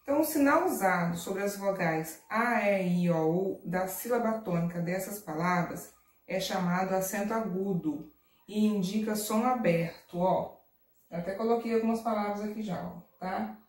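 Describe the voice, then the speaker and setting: A woman teacher giving a patient recorded lesson to children, stretching out words to show their stressed syllables. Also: mid-range voice. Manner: patient, drawn-out word stress, frequent "tá?" and "ó". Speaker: primary school teacher. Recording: echoey room, distant mic.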